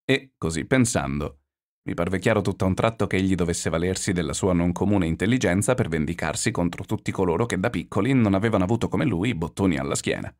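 A man narrating a literary novel in a measured, expressive, introspective reading. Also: low-pitched.

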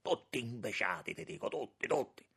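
A man reading an audiobook, voicing a bitter, ashamed old minister who mutters low and slow. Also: big pitch swings, vocal fry, a bit bright, husky, heavily acted. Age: over 60 (figure).

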